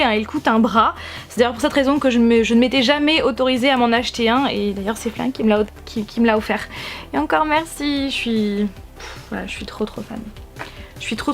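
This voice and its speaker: A young YouTube vlogger chats excitedly about her purchases in a casual haul video, her voice on the high side. She gushes with enthusiasm and keeps restarting her sentences. She's in a warm room at home with a fan running, picked up by a shotgun mic mounted on the camera.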